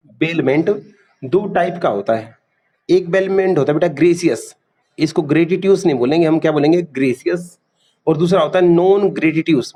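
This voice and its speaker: A man's voice: a little high, warm tone. Man teaching a classroom lecture. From India. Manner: quizzing students, repeating key terms.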